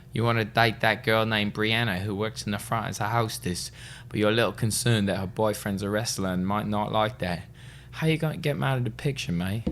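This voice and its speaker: A man's voice: fairly low pitch, a little hiss or hum, close to an everyday voice. A man doing a mock psychic with a mixed-up accent. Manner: theatrical, playful. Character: mock psychic man reading a listener's mind.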